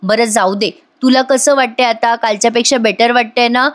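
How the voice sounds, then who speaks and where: A caring young man who gently looks after a friend, voiced by a woman reading his lines. The delivery is soft and soothing, close to her own fairly high voice. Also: steady tone, moderate pace, close to an everyday voice.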